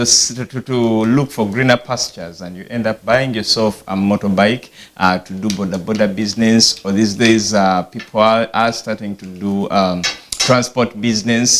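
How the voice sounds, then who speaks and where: Male talk-show host, low voice, reflective and unhurried. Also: fairly bright tone, a little hiss or hum. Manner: measured, reflective, many fillers. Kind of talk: studio discussion.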